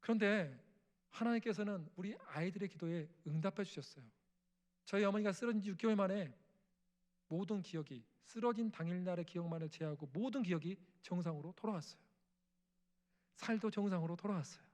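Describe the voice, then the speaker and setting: High-voiced dialect male preacher. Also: brisk, darkish tone. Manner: acts out family prayers and dialogue with rising emotion. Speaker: missionary preacher. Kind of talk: emotional testimony sermon. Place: church sanctuary.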